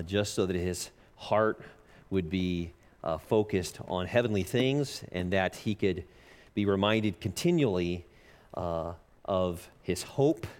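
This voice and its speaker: Pastor guy at the pulpit mic, lowish voice, lots of uh pauses, earnest. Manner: halting, frequent "uh" fillers, earnest. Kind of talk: sermon with scripture reading. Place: church, at a pulpit microphone. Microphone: pulpit microphone.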